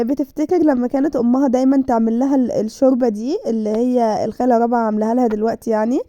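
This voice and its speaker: A woman's voice: sits high, warm tone, no echo. A woman with an Egyptian Arabic accent recapping a TV series episode in casual storytelling, with constant she-said tags. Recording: dull dry lo-fi recording.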